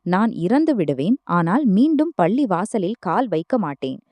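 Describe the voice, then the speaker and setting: A woman's voice: mid-range voice, big pitch swings, moderate pace, mellow, no echo, natural voice. A woman voicing a frightened, tearful teenage schoolgirl in a storybook reading. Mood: distraught. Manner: crying, pleading.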